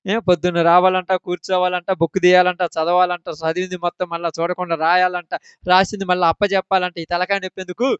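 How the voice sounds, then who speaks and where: A man's voice: sits high, monotone, fast, smooth, dry recording, lo-fi sound. A man preaching a children's sermon, emphatically asking the children question after question.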